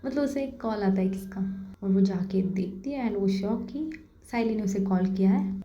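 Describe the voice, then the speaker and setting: A woman's voice: mid-range voice, normal speed, mellow. A woman narrating a story in a chatty, casual way, with slangy asides to her listeners. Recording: dull, roomy lo-fi recording.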